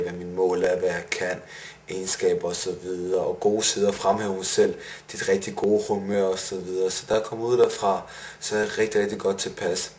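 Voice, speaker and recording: A man's voice: sits low, darkish tone, a little hiss or hum. A young man recapping his day in a casual video diary, rambling and self-analytical with many fillers. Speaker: vlogger.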